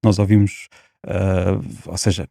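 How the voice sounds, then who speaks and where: A man's voice: sits low, little pitch movement, measured pace, gravelly, dark tone, no echo, clean studio sound. A man with a European Portuguese accent, a linguist guest on a podcast, explaining at length with many fillers and restarts.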